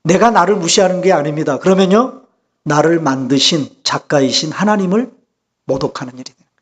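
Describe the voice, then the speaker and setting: High-voiced male pastor preaching. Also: brisk. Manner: animated preaching, rhetorical questions to the congregation. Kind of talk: sermon.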